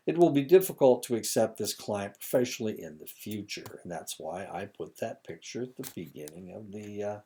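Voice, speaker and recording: A man's voice: fairly low pitch, dark tone. A man giving a recorded lecture, reading points aloud with casual asides and fillers, his throat a little dry.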